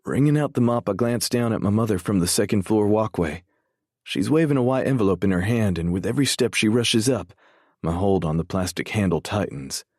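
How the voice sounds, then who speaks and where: A man narrating a first-person romance audiobook in a measured, brooding way, swearing freely. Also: fairly low pitch, expressive, darkish tone, no echo, studio quality.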